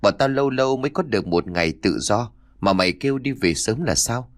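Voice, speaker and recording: A man's voice: mid-range voice, lively intonation, brisk, dry recording, clean studio sound, pitched above the performer's own voice, lightly acted. A man voicing a brash, complaining fishing buddy. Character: pushy young married man, fishing buddy.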